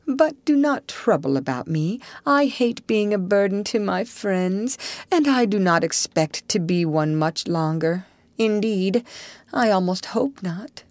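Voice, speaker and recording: A woman's voice: mid-range voice, animated, unhurried, darkish tone, dry recording, lightly acted. A woman voicing a languid, sly male toad in a storybook reading, speaking feebly and melodramatically. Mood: plaintive.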